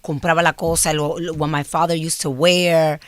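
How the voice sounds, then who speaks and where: A woman from the Dominican Republic talks with a guest's ease, drifting between English and Spanish. Her voice sits a bit low. The sound is close and dry, with no room around it. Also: flat delivery, brisk, dry recording. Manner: switches between English and Spanish, affectionate terms. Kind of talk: casual bilingual interview chat.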